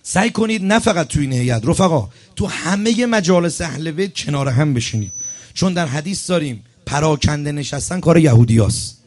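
A man's voice: a little high, lively intonation. A man preaching a sermon at a religious gathering, telling a story and speaking straight to the congregation, repeating phrases for emphasis. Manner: speaks directly to the congregation, urging and instructing.

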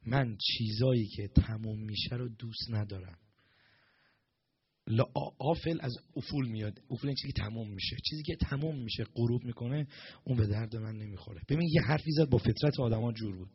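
A man giving a storytelling sermon as a preacher, animated and acting out the characters' lines in dialogue. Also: mid-range voice, slightly rough, dry recording, highs cut off.

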